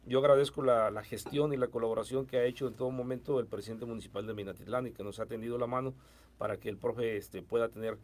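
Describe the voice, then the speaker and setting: A middle-aged man with a Mexican Spanish accent speaks quickly in an interview, his sentences full of fillers and restarts. His voice sits at an ordinary pitch for a man. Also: fairly even intonation, darkish tone. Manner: fast, hesitant with many fillers. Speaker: education official. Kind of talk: interview answers.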